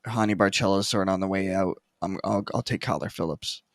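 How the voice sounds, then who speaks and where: Man, low voice, dry close sound, relaxed, hesitant sports chat co-host. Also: fairly quick, dry recording. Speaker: co-host making fight picks. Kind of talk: casual chat.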